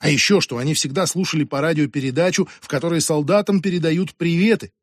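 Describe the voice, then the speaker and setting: A man reading a novel aloud in a measured, even way. His voice sits a little higher than most men's, recorded close and dry on a studio microphone. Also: no room sound. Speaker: audiobook reader. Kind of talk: scripted narration.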